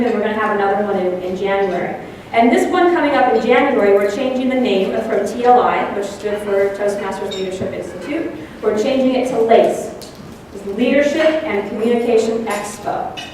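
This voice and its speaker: A woman's voice: fairly high pitch, brisk, a little mellow, slight background noise. A woman, a district officer, gives an enthusiastic speech to club presidents at a breakfast event and asks the audience questions. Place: large room at an event. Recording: echoey hall, voice from far off.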